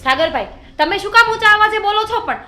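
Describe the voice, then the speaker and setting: An actress playing a sharp-tongued young sister-in-law who retorts indignantly. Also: female voice, very high-pitched, animated, quick pace, echoey room, full character voice.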